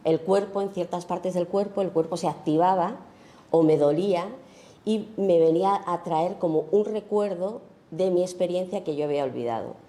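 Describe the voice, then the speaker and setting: Low soft-voiced woman talking about her photo work, thinks out loud, lots of ums and "no?", mellow dark tone. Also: normal speed. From Spain. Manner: thoughtful, searching, many fillers and tag questions. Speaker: photographer giving a festival talk. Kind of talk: informal lecture on her own work.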